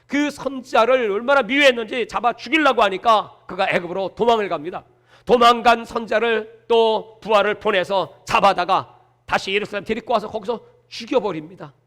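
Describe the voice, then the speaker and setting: Brief: male preacher, high bright voice, dramatic sermon delivery. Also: moderate pace. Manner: animated, dramatic storytelling. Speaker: pastor.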